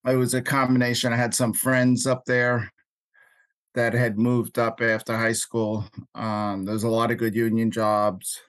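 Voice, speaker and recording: An older man with a Queens New York accent, recalling things in an interview in a halting way, often pausing mid-sentence. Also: mid-range voice, little pitch movement, a bit bright, no echo. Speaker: interview guest, labor activist. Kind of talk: unscripted interview recollection.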